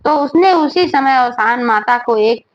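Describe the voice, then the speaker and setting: A woman's voice: on the high side, animated, a little slow, muffled recording. A woman narrating a devotional folk story in a plain, homely way, with everyday fillers and asides.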